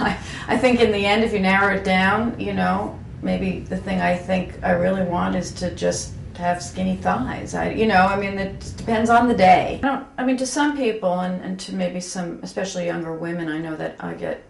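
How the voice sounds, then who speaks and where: This graphic designer in her fifties talks frankly and reflectively in an interview, often at her own expense, with plenty of fillers and false starts. Her gravelly voice sits at medium pitch, stays steady, moves at normal speed, and barely pauses. A faint hum runs under the echoey room sound.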